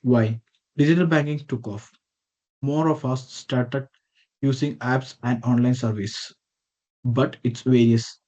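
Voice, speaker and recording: A man's voice: mid-range voice, steady tone, a little slow, pauses often, mellow, highs cut off. A man reading a prepared slide presentation over a video call. He reads from a script with small slips and self-corrections. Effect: heard over a video call.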